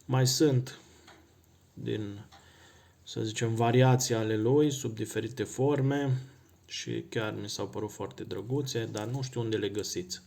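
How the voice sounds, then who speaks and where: A man vlogging as a watch collector, talking casually and thinking aloud, often pausing and correcting himself mid-phrase. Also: lowish voice, vocal fry. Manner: relaxed, thinking aloud with pauses and self-corrections. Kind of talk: casual unboxing talk.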